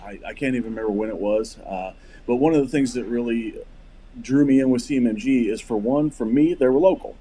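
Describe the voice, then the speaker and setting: A man in his forties from Missouri, a podcast guest talking in halting casual chat with many restarts. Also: medium pitch, warm tone, slight background noise. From Missouri, USA. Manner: hesitant, many fillers and restarts. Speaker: podcast guest, firearms company rep.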